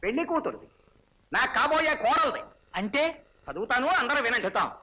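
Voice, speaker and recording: A man's voice: extremely high pitch, very animated, a little fast, sharp tone, slight background noise, exaggerated voice, low-quality recording. An actor playing a fussy village man who reads out a wedding invitation and takes offence. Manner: fussy, indignant. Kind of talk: 1980s film dialogue.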